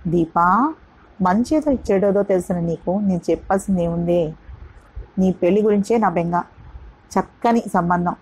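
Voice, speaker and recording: A woman voicing a caring, worried mother urging her grown daughter to marry, tender and husky. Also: fairly low pitch, normal speed, pauses often, darkish tone, poor audio.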